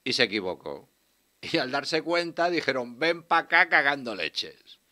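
In a small studio, on a studio mic with headphones, a man in his sixties hosts a radio show. His medium-pitched voice is a little slow as he riffs through a sardonic, swearing comic monologue and trades animated banter with a guest, cursing freely.

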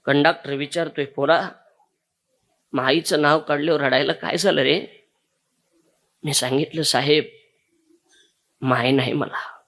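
A man's voice: on the high side, steady tone, a little slow, pauses often, fairly bright tone. A man, preaching a kirtan sermon and telling a moving story straight to his listeners. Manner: emotional storytelling, addresses audience directly.

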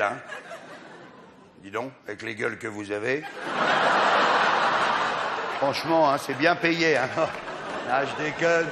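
A male stand-up comedian in a loud, teasing monologue, addressing the audience on a live stage. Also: mid-range voice, slight background noise. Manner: boisterous, teasing the audience, drawn-out exaggerated delivery.

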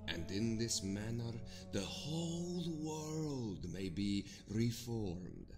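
Slow and heavily acted, a man on the low side plays an earnest old scholar bearing an ancient scroll in an audio drama. He delivers grand, old-fashioned lecturing speech with big pitch swings, against roomy reverb and a music bed.

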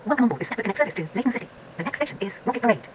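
A woman's voice: a little high, lively intonation, a little hiss or hum. A woman's voice making formal on-board train announcements over a PA system. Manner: formal, measured announcer delivery. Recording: reverberant PA in a carriage.

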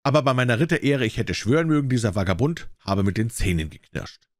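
A man's voice: mid-range voice, animated, quick pace, dry recording, studio quality, lightly acted. A man voicing a cruel, boisterous tyrant king in an audiobook, bellowing and mocking. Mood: furious. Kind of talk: audiobook character voice.

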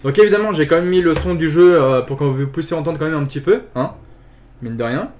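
A man casually commenting on his own gameplay, chatty and full of fillers, with excited yelps when the fighting gets hot. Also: a little high, fast talker, slight background noise. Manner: chatty, filler-heavy, repeats "tout simplement". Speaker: gaming video host. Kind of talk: casual let's play commentary.

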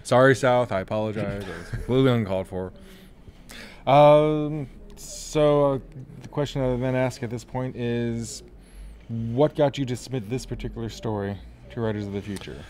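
A man's voice: medium pitch, normal speed, mellow. A man hosting a casual interview, teasing his guest and asking rambling questions. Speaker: interviewer host. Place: author venue room.

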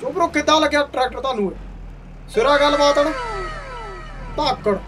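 A man's voice: very high voice, brisk. A young man giving casual gameplay commentary, full of hearty, exclamatory banter aimed at his viewers. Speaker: gaming video host. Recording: distant mic, faint background noise.

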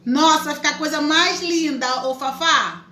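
Female craft host, high and bright, chatty, in an echoey room. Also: moderate pace. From Brazil. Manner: chatty, greets viewers by name. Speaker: craft teacher, live stream host. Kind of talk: live craft tutorial.

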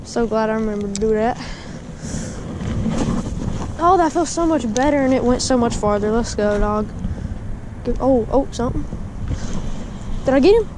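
Here a young man vlogs while fishing at a pond, talking to his audience in a very high-pitched voice at a moderate pace and leaving long gaps. He addresses them as "guys" and "dude" in a casual commentary, and wind rushes across the body-mounted action camera.

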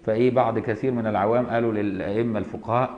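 A man's voice: lowish voice, steady tone, racing, muffled recording. A man with an Egyptian accent teaching Islamic law, reading a line of a classical text and then explaining it in everyday speech, with frequent checks that his students follow.

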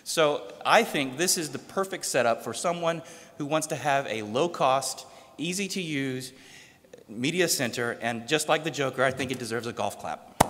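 A man giving an enthusiastic, jokey tech pitch as a lightning talk at a conference. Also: moderate pace, a bit bright. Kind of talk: short timed presentation to an audience. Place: conference hall. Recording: reverberant hall.

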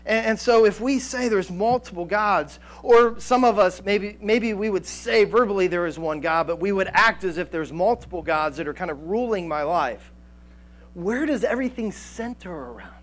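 A man in his thirties preaching a sermon on a church stage through a headset mic, animated, with frequent restarts and fillers. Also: high-pitched, moderate pace. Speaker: pastor. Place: church stage with band gear, indoors.

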